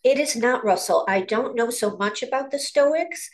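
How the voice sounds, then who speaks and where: A meditation teacher and author from Queens, New York, appears as an interview guest on a video call, explaining her practice calmly and carefully with some filler words. Her voice is a little high, and she seems to be outdoors or by a window in a loud city.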